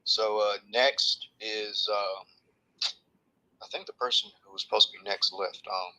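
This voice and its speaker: A man moderating a casual live audio chat, briskly organizing who speaks next. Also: on the low side, fairly even intonation, bright, forceful tone, low-quality recording. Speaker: room moderator.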